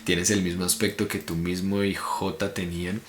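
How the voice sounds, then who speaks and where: A man's voice: deep voice, flat delivery, moderate pace, a little hiss or hum, close to an everyday voice. A man with a Colombian Spanish accent voicing an astonished male student of spiritual teachers, read aloud from a book in his own manner. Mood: amazed. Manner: plain read-aloud delivery. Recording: echoey room.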